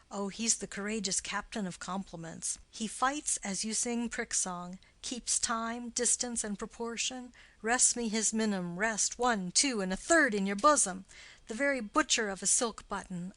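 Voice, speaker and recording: A woman's voice: fairly high pitch, a little slow, fairly bright tone, no room sound. A woman reading a teasing, witty young nobleman. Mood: mocking. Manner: wordplay-heavy, teasing and theatrical. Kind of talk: audiobook play reading.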